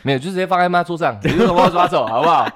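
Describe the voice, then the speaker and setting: Fast, swearing man, lively. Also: on the high side. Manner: animated, heavy swearing, acts out other people's voices. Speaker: co-host telling a story. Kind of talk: casual podcast chat.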